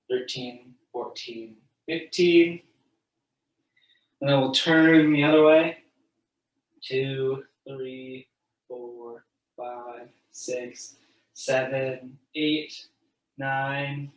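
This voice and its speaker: A man's voice: medium pitch, far from the mic. Stretch instructor guy, laid-back and encouraging, stands back from a desk mic in an echoey room. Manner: casual and encouraging, counts holds aloud. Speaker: fitness instructor. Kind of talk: guided stretching class. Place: room, moving away from the mic while standing.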